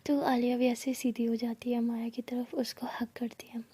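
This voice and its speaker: A young woman narrating her own love story in soft, half-whispered tones. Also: fairly high pitch, little pitch movement, normal speed, slightly rough.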